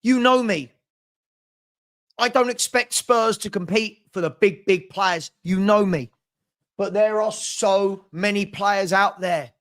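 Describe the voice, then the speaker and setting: A man's voice: sits high, slow, fairly bright tone. Angry man on an exasperated rant. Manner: exasperated, emphatic, repeats phrases. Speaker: football fan channel host.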